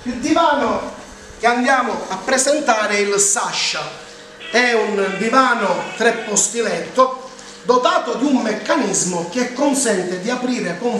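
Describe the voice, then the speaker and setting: A man delivers a TV infomercial pitch in a high voice, unhurried and emphatic. He stretches his words to sell the offers. The sound is distant from the microphone, in a large indoor showroom. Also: fairly bright tone. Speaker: TV furniture salesman presenting offers. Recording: echoey showroom, distant mic, faint noise.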